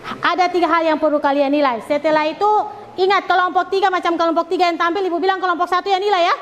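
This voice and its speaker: A woman's voice: very high voice, fairly even intonation, fast talker, a bit bright, big-room sound, slight background noise. A woman teacher giving directions to her class, checking often that students are ready. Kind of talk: classroom instruction.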